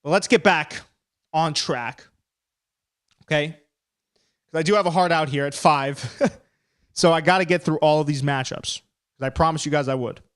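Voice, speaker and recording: A talkative man hosts a casual live stream with a slightly high voice. He rambles and pokes fun at himself as he breaks down upcoming fights. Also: normal speed, long pauses, clear, resonant tone. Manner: chatty, rambling, self-deprecating.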